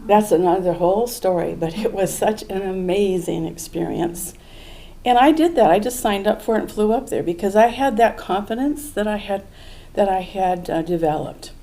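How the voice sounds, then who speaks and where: A woman's voice: medium pitch, normal speed, warm tone, low-quality recording. An older woman telling a true story at a live event, in an earnest, reflective way. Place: small museum event room.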